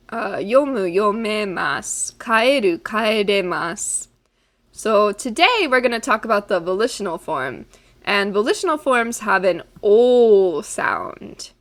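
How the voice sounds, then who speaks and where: A woman teaching a recorded language lesson, drilling word forms slowly and carefully with frequent ums. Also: mid-range voice, a bit bright.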